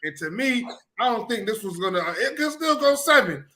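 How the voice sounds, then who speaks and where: A man co-hosting a sports talk show, emphatic and excited, often repeating himself. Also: extremely high pitch, normal speed, background noise.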